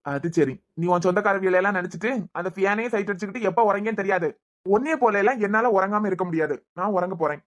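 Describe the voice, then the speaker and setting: A woman with a Kanyakumari Tamil accent voicing a gruff, nagging husband in a cartoon serial, scolding and impatient. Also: mid-range voice, quick pace, close to an everyday voice.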